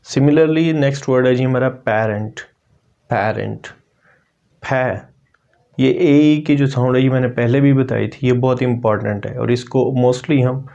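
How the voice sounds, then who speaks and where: A male English teacher gives a pronunciation lesson. He explains each point in a calm, even voice and says the target words over and over at a slowed pace. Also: mid-range voice, creaky, dull audio. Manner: repeats words slowly to model pronunciation.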